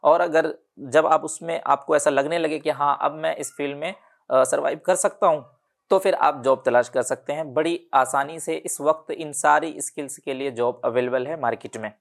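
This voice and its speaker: A man explaining a casual online tutorial, unhurried, often pausing with "uh" and correcting himself as he reads from his notes. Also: a little high, vocal fry. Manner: unhurried, many "uh" fillers and self-corrections while reading from notes. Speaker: online digital marketing instructor.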